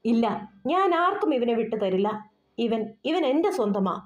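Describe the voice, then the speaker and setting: A woman's voice: fairly high pitch, very animated, moderate pace. A woman voicing a possessive, unhinged young woman who talks in fierce threats, in an audio novel. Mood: possessive, frantic. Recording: roomy dull recording with soft music.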